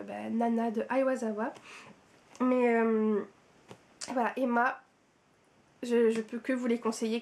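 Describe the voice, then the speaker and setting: A woman with a French accent and a highish, darkish-toned voice casually reviews her month of reading for her book vlog. Slight background noise is present, and she repeats words for emphasis amid lots of fillers.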